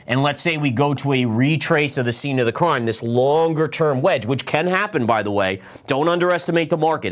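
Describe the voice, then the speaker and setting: A middle-aged man hosting a live trading show, walking viewers through charts in an explanatory, conversational way. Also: mid-range voice. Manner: explanatory, addresses viewers as guys.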